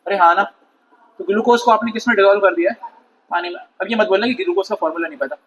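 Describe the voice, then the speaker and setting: High-voiced chatty chemistry teacher. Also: male voice, lively intonation, fast talker, fairly bright tone. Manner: chatty, scolds and questions students. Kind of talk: classroom lecture. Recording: dull lo-fi sound with faint noise.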